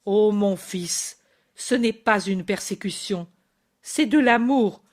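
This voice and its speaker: A woman's voice: medium pitch, takes it slowly. A woman reading aloud and voicing an anguished older mother who pleads and cries out for her wayward son. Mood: tender pleading. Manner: pleading, crying out in despair. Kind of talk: audiobook reading.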